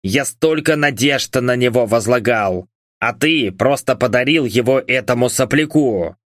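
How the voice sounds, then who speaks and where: A hoarse, drunken nobleman who speaks slowly and menacingly, voiced by a man. His lines sound cold and commanding. The audiobook sound is dry and close to the mic. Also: medium pitch, a bit bright, no echo, close to an everyday voice. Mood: furious. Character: hoarse drunken angry middle-aged male baron.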